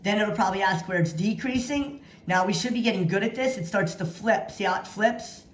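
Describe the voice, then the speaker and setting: A woman's voice: medium pitch, brisk, a little hiss or hum. A woman with a mid-range voice teaches in an echoey space. She walks through practice problems in an instructional way, dictating notation bit by bit. She often repeats key phrases for emphasis. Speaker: math teacher. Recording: echoey room sound.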